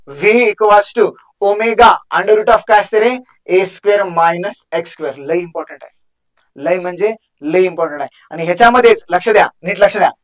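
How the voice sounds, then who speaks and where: A young man with a Marathi accent teaching a fast physics exam crash course, chatty and joking, quizzing students over and over on formulas. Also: high-pitched, fairly bright tone, poor audio. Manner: chatty, joking, drills formulas with repeated questions.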